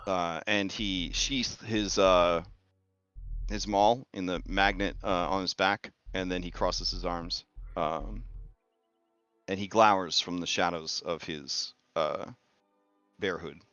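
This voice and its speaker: A man narrating a tabletop game as game master in a halting, improvised way. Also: deep voice, steady tone, a bit bright, clean tone, dry recording, muffled recording, faint music behind.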